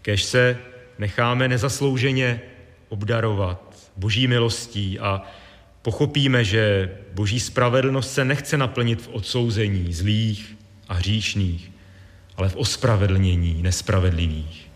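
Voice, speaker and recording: Male preacher, measured and deliberate, sermon, long church reverb. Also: lowish voice. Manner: measured, deliberate delivery with pauses.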